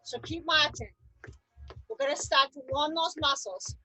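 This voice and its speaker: A woman aerobics instructor leading an exercise class, giving energetic, encouraging cues and counting reps. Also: high-pitched, moderate pace, a little hiss or hum, poor audio. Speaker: aerobics instructor leading a seated chair workout.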